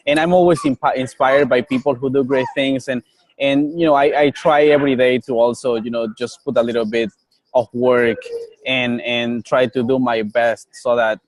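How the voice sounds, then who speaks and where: A young adult man from Colombia, whose first language is Nasa, is a guest in a casual interview and owns a coffee business. He speaks earnestly at medium pitch and normal speed with fairly even intonation, often repeating words as he searches for them. The audio quality is poor.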